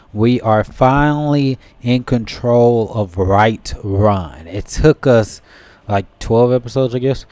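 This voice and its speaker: A man's voice: on the low side, dark tone, dry recording. A man giving casual let's-play commentary, thinking aloud and reading game text as he plays. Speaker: gameplay commentator.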